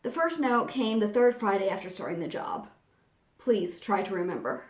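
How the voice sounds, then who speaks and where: A woman's voice: mid-range voice, animated, normal speed, lightly acted. A woman acting an anxious young woman confiding, echoey. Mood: uneasy, troubled. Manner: confiding, conversational, theatrical. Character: anxious young woman with memory gaps, confessing urgently. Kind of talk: dramatic first-person monologue reading. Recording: echoey room.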